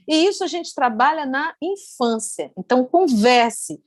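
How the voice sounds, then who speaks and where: A woman with a Brazilian accent giving an online study talk, telling stories in an animated way and repeating words for emphasis. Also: sits high, unhurried, no echo. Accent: Brazilian Portuguese. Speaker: invited speaker. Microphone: video call.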